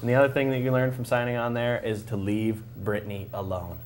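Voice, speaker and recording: Mid-pitched guy hosting a sports talk show, teasing his co-hosts, slight hiss behind. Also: flat delivery, fairly quick, darkish tone. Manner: playful, teasing, runs the segments.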